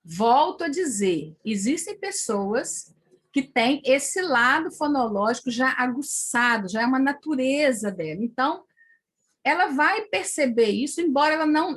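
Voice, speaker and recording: A woman's voice: sits high, sing-song, unhurried, fairly bright tone, slightly rough. A woman with a Brazilian Portuguese accent explaining early literacy methods to teachers, checking in often with tag questions. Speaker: teacher trainer.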